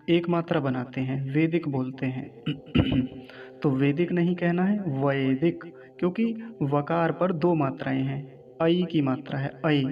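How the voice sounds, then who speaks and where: A man's voice: on the high side, dull audio. A man teaching the correct pronunciation of Sanskrit verses, drawing out each syllable and asking his class questions as he goes. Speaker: Vedic recitation teacher. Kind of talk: pronunciation lesson.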